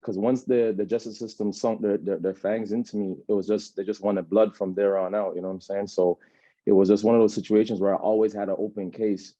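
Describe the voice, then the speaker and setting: Sitting for an interview, a man in his thirties with a Jamaican accent recounts his life in a loose, rambling way, frequently asking "you know what I'm saying." He has a fairly low, dark voice. The recording is dull lo-fi with no room sound.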